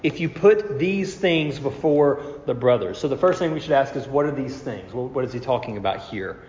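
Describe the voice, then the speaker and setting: Lively intonation marks this medium-pitched, darkish voice, moving at normal speed over slight background noise. The speaker, a pastor still shaking off a cold, gives an expository Bible sermon step by step with rhetorical questions. He preaches to his congregation in a big reverberant room, and the recording sounds echoey and slightly dull.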